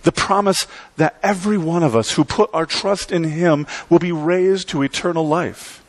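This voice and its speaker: A man's voice: a little high, dry recording. Middle-aged man preaching a sermon. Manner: animated preaching with dramatic pauses and sweeping gestures. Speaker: pastor. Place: church sanctuary at a pulpit.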